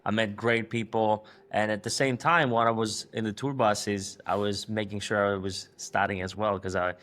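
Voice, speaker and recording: A man's voice: on the low side, steady tone, normal speed, a bit bright. A man from Greece, a marketing agency co-founder speaking in a podcast interview, hesitant, with frequent fillers and restarts.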